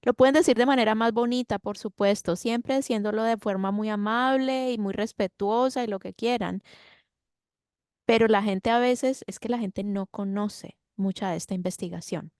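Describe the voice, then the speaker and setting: A woman's voice: medium pitch, normal speed, a little mellow, clear, resonant tone, no room sound, studio quality. A woman speaking as the expert in a workshop, advising parents in an earnest way over a video call. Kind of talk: workshop talk answering parents.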